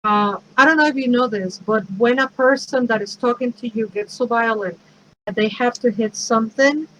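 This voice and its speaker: A woman's voice: fairly high pitch, normal speed, bright, forceful tone, a little hiss or hum, rough recording. A woman priestess and minister giving a frank, conversational workshop talk, advising listeners with self-deprecating asides.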